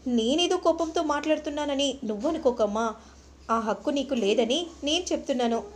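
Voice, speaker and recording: A woman's voice: sits high, a little fast, a little hiss or hum, lightly acted. A woman voicing a stern middle-aged mother who refuses firmly and dismissively. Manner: firm, dismissive.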